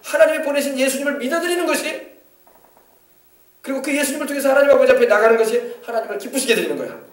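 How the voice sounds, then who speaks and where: A man's voice: very high-pitched, very fast, reverberant, far from the mic. A male pastor preaching a sermon with emphasis, often asking the congregation to confirm. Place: church sanctuary.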